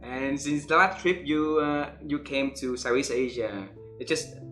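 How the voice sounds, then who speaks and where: A man's voice: medium pitch, a little slow, bright, forceful tone, soft background music. A man from Vietnam hosting an interview, polite and welcoming in slightly broken English. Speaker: host.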